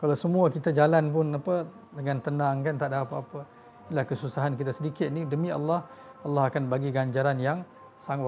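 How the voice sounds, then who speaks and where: On dull audio with a little hiss or hum, a man with a voice on the high side and a darkish tone preaches a sermon. He has a Malaysian Malay accent and tells emotional stories, voicing quoted figures and speaking directly to his listeners as tuan-tuan.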